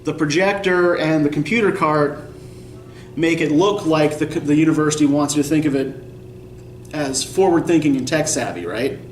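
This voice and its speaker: Picked up from a distance in an echoey classroom with a little background noise, a young Eastern Pennsylvania man leads a college writing class. His voice is slightly high and his pace moderate as he talks casually, rambles, jokes at his own expense, and keeps checking in with "right?"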